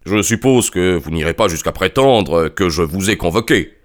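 A man plays a suspicious old professor in a storybook reading, his voice deep and harsh. He questions coldly, with a barely held-back menace. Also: lively intonation, moderate pace. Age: older. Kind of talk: audiobook character reading.

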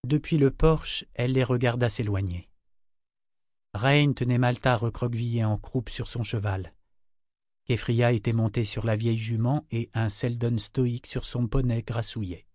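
A man narrating a novel in an even, measured storytelling voice, pitched at an ordinary middle level. The sound is close and dry, with no room echo. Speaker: audiobook narrator.

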